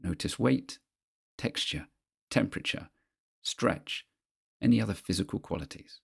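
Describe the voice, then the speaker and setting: Low, gravelly man guiding a mindfulness exercise. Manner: measured, instructional, pausing between phrases. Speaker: guide of a therapeutic grounding exercise. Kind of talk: guided mindfulness exercise, scripted narration.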